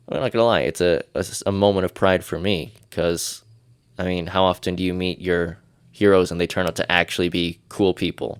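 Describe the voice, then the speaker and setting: Low in pitch and clean in tone, this Irish man hosts his podcast alone in clean studio sound without echo. Stuffed up from his sinuses, he rambles, jokes and keeps running himself down.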